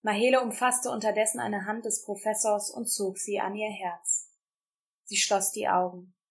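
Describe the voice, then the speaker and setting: A woman's voice: medium pitch, level tone, normal speed. Woman narrating a storybook. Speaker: audiobook reader.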